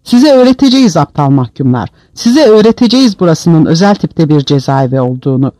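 A man voicing a brutal male prison commander who shouts insults at inmates. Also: fairly high pitch, very animated, fairly quick, no echo. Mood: furious.

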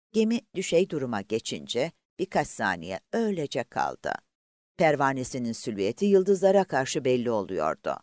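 A man's voice: no echo, clean studio sound. Dramatic male audiobook narrator. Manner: dramatic, highly varied reading.

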